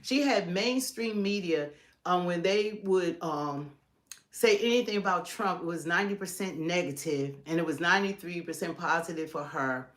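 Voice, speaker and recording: A woman's voice: on the low side, normal speed. A middle-aged woman with an American accent co-hosting a live stream, giving casual, emphatic political commentary and piling up points in lists.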